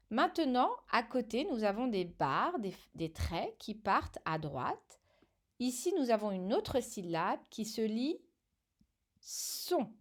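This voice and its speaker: Slow, patient French woman teaching phonics. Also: on the high side. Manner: slow, patient, clearly articulated dictation. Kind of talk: children's phonics lesson.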